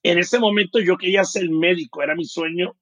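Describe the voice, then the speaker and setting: A man's voice: high voice, steady tone, fairly quick, fairly bright tone, dry recording. A Puerto Rican man in his fifties, a guest telling his life story in detail, speaking with a Puerto Rican Spanish accent. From Puerto Rico. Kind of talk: storytelling interview.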